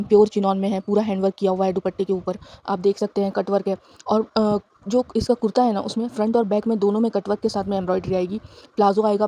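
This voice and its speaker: Presenting designer outfits in a product showcase, a woman with a mid-range, dark-toned voice speaks in a chatty sales manner with lots of fillers. She owns a boutique and works as a lecturer.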